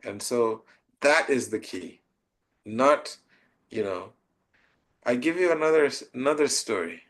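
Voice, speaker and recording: A man, a spiritual teacher, answering a question by slowly telling a devotional story in a soft, tender way. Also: medium pitch, expressive. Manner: slow, tender storytelling with soft trailing phrases.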